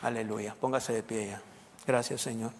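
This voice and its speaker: A man's voice: on the low side, moderate pace, in a large hall, noisy background. A man preaching a sermon, telling a story and acting out its dialogue. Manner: animated storyteller, acts out dialogue.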